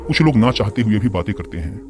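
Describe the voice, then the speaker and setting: A man voicing a gentle older Zen monk who speaks as a calm teacher. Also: on the low side, quick pace, natural voice. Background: music.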